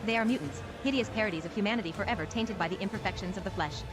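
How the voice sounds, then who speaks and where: A quick-paced female narrator with a mid-range voice tells a fantasy game's story. Her delivery is scripted and dramatic, with prominent music underneath. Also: medium pitch. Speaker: game narrator.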